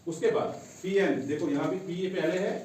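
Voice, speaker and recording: In a very echoey classroom, a male English teacher leads a lesson built on repeated call-and-response questions to his students. He has a high, slightly mellow voice at a moderate pace, recorded from a distant mic with faint noise.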